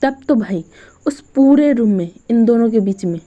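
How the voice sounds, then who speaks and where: A woman's voice: a little high, expressive, moderate pace, dark tone, dull audio. A woman retelling a story in a chatty, casual way, with many fillers.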